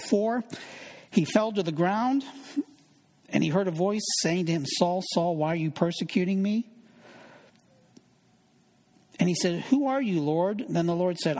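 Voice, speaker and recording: A man's voice: a little high, darkish tone, big-room sound. A man preaching an earnest sermon as pastor, reading scripture aloud and quoting its figures in his own voice.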